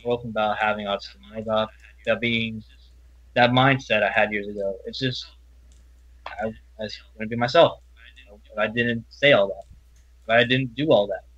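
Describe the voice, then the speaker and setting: A young man talks openly as an interview guest, in a bright, forceful voice. He speaks earnestly and in halting bursts, with frequent restarts. The audio is dull and lo-fi. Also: on the low side, steady tone, husky. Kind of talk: personal interview talk.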